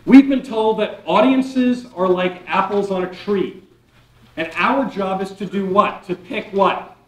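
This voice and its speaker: A man giving a keynote workshop presentation, lively and playful, firing questions at the audience and dropping sarcastic asides. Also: high-pitched, unhurried. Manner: energetic, asks the audience questions. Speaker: keynote speaker. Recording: roomy hall, mic from a distance.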